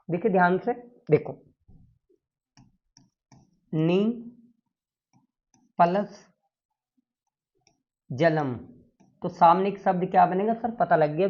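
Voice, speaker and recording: A man's voice: high voice, creaky, dull audio. A man teaching a Sanskrit grammar lesson, drilling the class with repeated questions and answers.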